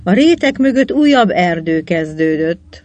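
A narrator reading a children's adventure novel aloud, telling it evenly and lifting the voice for the characters' lines. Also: dull audio. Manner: even storytelling, quotes read with raised pitch. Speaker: audiobook narrator.

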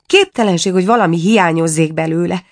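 A woman voicing a small, timid dwarf cook who pleads and trembles in a storybook reading. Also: on the low side. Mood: pleading.

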